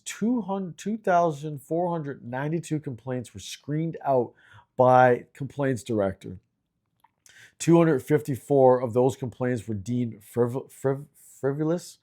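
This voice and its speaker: Here a middle-aged man from Canada, hosting his own video, rants about complaint agencies with anger, frustration and plenty of cursing. His medium-pitched, warm voice moves a little slowly through the ranting commentary.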